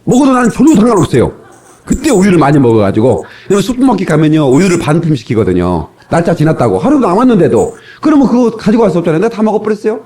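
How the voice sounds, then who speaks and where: A man's voice: sits high, rapid-fire, few pauses. A middle-aged male pastor preaching a sermon from an old cassette tape recording, telling stories and asking the congregation questions. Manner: animated storytelling with rhetorical questions to the congregation. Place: church sanctuary.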